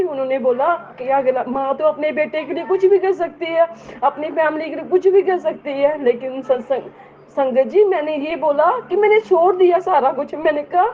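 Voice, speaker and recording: High-voiced woman on a tinny phone recording. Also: normal speed. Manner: earnest, repeatedly addresses listeners as sangat ji. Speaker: devotee sharing a testimony. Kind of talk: personal testimony to a congregation. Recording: tinny phone-like audio, faint hiss.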